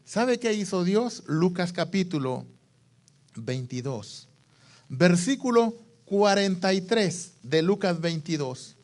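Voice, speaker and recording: A male pastor with a Latin American Spanish accent preaching a sermon in a church, swinging from hushed passages to loud calls to the congregation. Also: high voice, expressive, takes it slowly.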